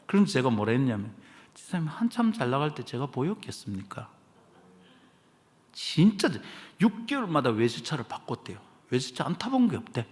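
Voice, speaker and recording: A man's voice: medium pitch, long reverb tail. A man preaching a sermon as a pastor, telling a story with humor and quoting people. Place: church sanctuary.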